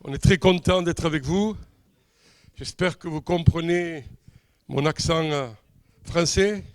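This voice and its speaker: A man in his sixties with a southern French accent, preaching a sermon with measured, emphatic contrasts. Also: fairly high pitch, dry recording. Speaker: visiting preacher.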